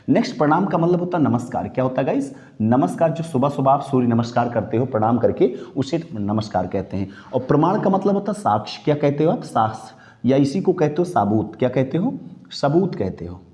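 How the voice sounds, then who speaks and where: A male teacher walks viewers through a grammar lesson, greeting them as friends and asking questions that he answers himself. His voice sits in an ordinary middle pitch with a mellow, dark tone.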